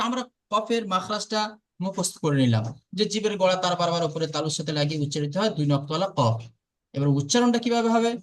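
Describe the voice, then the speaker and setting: A man teaches a lesson. He talks patiently and repeats each sound slowly. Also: sits high. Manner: patient and repetitive, slowly drills sounds aloud. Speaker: Arabic pronunciation teacher. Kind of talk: online lesson.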